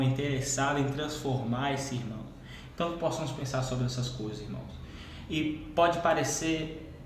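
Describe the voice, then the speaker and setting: A man who exhorts a Bible study group in a repetitive, insistent way and keeps addressing them as brothers. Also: medium pitch. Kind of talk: preaching-style exhortation. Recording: very echoey room, faint background hum.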